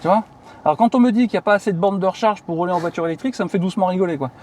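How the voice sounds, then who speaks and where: High-voiced chatty man outdoors. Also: rapid-fire, a little mellow, a little hiss or hum. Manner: chatty, many fillers, asks viewers questions. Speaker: channel host explaining electric cars. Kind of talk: casual explanatory chat.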